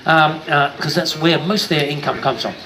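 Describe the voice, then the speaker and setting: Higher-voiced New man, jokey showman. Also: steady tone, normal speed, noisy background. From New Zealand. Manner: jokey showman, addresses kids and audience. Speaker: sheep show presenter. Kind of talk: live show commentary for a crowd. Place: live show stage before an audience.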